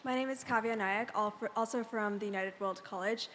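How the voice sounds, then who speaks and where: A woman's voice: mid-range voice, steady tone, brisk, a bit bright, slight background noise. A teenage female student asking a composed, precise question in a large auditorium. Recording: reverberant lecture hall.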